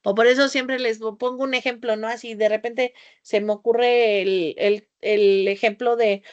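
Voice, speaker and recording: A woman teaching a class with a high, squeaky voice, speaking loudly and theatrically, changing her tone often and drifting off on tangents. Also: steady tone, normal speed, no room sound, highs cut off. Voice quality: high-pitched voice, calls it a squeaky off-key whistle. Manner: scattered, jumps between topics with tangents. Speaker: homeopathy teacher. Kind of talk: lecture to a class.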